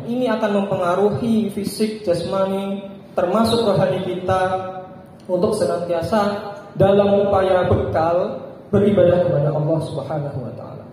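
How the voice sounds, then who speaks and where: Male preacher giving a Friday sermon, high voice, measured short phrases, deep hall reverb. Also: a little mellow, a little hiss or hum. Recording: echoey hall with long reverb.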